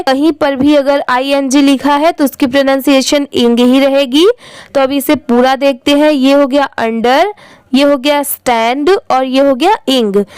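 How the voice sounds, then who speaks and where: Slow, high-voiced woman teacher. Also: dry recording, low-quality recording. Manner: spells words letter by letter, then reads them slowly. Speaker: English reading teacher. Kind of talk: step-by-step spelling and reading lesson.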